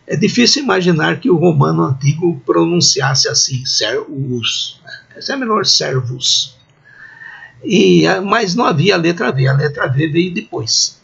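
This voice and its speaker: A man's voice: on the high side, expressive, normal speed, gravelly, breathy edge. A middle-aged man teaching a recorded lesson, patient and drawn out when he sounds out example words. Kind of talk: recorded lecture. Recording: dull lo-fi recording.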